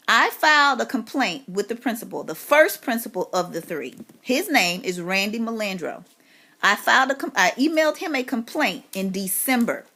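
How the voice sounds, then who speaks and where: With a fairly high, bright, forceful voice, this caller is a parent pressing a lengthy complaint over the phone. She sounds aggrieved, insistent and emphatic.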